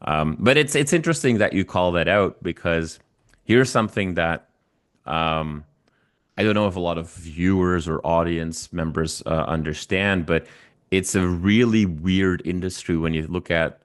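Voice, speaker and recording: Speaking in a low-pitched voice, a forties-aged music YouTuber from Belgium chats casually as an interview guest. A native Dutch speaker with a Belgian Dutch accent, he hesitates and self-corrects as he goes.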